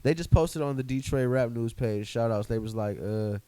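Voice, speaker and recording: A man co-hosting a casual podcast chat, telling animated stories, acting out quotes and laughing often. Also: mid-range voice, moderate pace, a crowd in the background. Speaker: podcast co-host.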